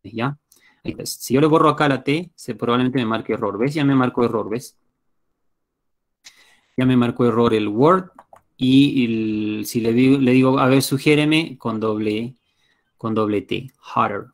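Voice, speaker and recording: An English teacher with a Peruvian Spanish accent teaches an online class, explaining patiently and checking in with his students often. His voice is medium-pitched and moderately paced.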